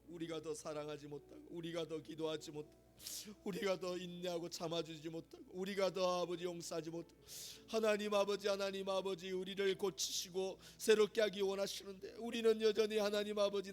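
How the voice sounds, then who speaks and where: A male pastor leading a congregation in fervent, pleading prayer, repeating his invocations again and again. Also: sits high. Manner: repetitive pleading invocations, rising to impassioned crying out. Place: church sanctuary.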